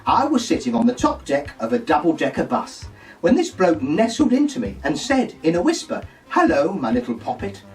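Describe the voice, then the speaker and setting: A man playing a gossipy, saucy pantomime dame in a camp, shrill, mock-scandalised voice, delivering a comic monologue. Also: wildly swooping pitch, normal speed, recorded from a distance, soft background music, rough recording. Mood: gossipy, dreamy. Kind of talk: comic monologue full of puns.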